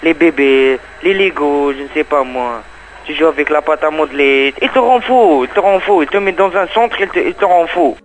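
A man speaks French as a second language, with non-native phrasing, in an agitated personal testimony. He circles back and repeats himself as he talks, and his voice sits somewhat high for a man. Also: brisk, poor audio. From Palestine. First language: not French. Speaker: undocumented migrant giving testimony.

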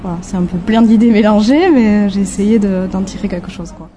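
A young graphic designer from the French Basque Country answers interview questions with a mellow, mid-range voice. Her replies are casual and halting, as she frequently searches for the right words.

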